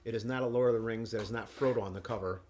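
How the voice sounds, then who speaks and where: Fast-talking blunt man on a podcast. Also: on the low side, steady tone, a little mellow. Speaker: podcast co-host. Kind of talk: casual movie review chat.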